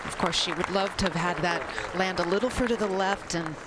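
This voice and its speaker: A man giving live golf tournament commentary in a measured, analytical way. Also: high-pitched. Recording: crowd and outdoor noise behind. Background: spectators and outdoor course ambience.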